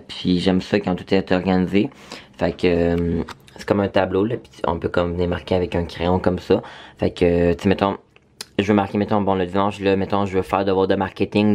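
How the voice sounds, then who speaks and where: A man's voice: low-pitched, darkish tone. A young man from Quebec with a Quebec French accent, chatting casually at home to his camera in a vlog, full of fillers and hesitations. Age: young adult. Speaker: vlogger. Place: at home, indoors.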